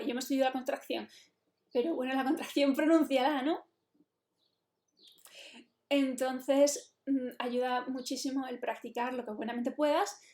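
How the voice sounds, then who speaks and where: High-voiced Spanish woman teaching in a roomy echo. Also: gravelly, darkish tone. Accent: Spain Spanish. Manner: chatty, explanatory, mixes in English phrases. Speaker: English teacher. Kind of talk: online English lesson explanation.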